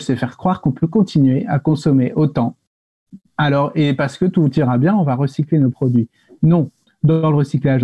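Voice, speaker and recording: A man's voice: mid-range voice, warm tone, husky, dry recording. A man giving an unscripted, argumentative panel answer, explaining and making short, firm assertions. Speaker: panelist, activist against planned obsolescence.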